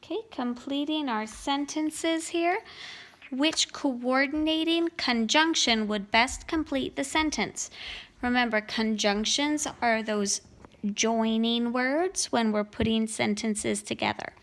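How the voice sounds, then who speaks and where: A woman with a fairly high voice and a gravelly edge walks through grammar answers at home. She talks slowly and patiently, the way a teacher does while going over a worksheet. Her delivery stays steady and explanatory. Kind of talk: grammar lesson walkthrough.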